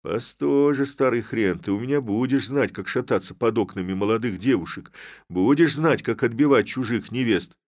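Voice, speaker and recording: Cocky young Cossack lad read by a man, mocking and rousing, raised and loud, lively swings, dry sound. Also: mid-range voice, moderate pace, no room sound, voice pushed up, close to an everyday voice.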